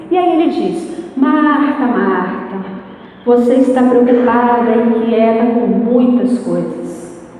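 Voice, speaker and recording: A middle-aged Brazilian woman preaches a lively sermon in a high voice, firing questions at the congregation and slipping into voices. She sounds far from the mic, with a long echo from a big hall and faint background noise. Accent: Brazilian Portuguese. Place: church hall.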